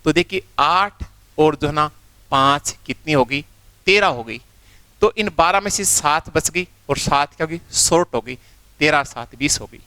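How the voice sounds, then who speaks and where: Guy teaching a class, higher voice, walks thru it step by step, quizzes u as he goes, dry sound. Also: expressive, unhurried, sharp tone, clear, resonant tone, no echo. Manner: patient step-by-step explaining with rhetorical questions. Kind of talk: recorded exam-prep lesson.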